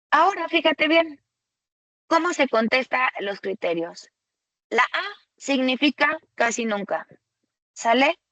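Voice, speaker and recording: Slow-speaking woman giving a webinar. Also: on the high side, fairly bright tone, dry recording, poor audio. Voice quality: frequent rhetorical "¿sale?". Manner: slow, explanatory and conversational. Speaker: webinar presenter for tutors. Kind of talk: webinar lecture.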